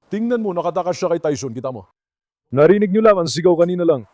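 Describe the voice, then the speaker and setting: A man narrating a tense outdoor adventure vlog, urgently calling out to his dogs and switching between loud shouts and hushed warnings. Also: sits high, expressive, fast, no echo, studio quality. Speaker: vlogger and dog owner. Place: forest at night.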